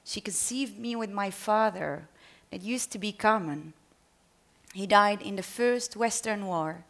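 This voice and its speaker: Her voice mid-range, unhurried and gravelly, a Dutch-accented author from the Netherlands speaks on a panel and then reads her short story in English. She comes across as a little hesitant while reading at the literary event.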